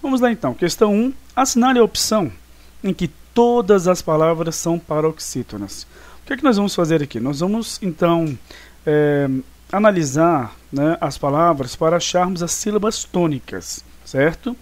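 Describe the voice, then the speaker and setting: A man's voice: a little high, expressive, moderate pace. Casual man teaching a grammar lesson. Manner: casual, chatty, with many fillers and check-ins. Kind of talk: recorded online class, explaining exercises.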